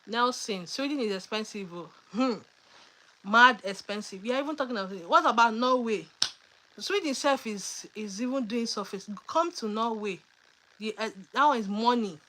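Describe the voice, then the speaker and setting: A woman's voice: a little high, normal speed, bright, forceful tone, rough recording. A woman hosting a casual livestream Q&A, reading out viewers' questions and answering in a chatty, emphatic way with teasing asides. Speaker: livestream host.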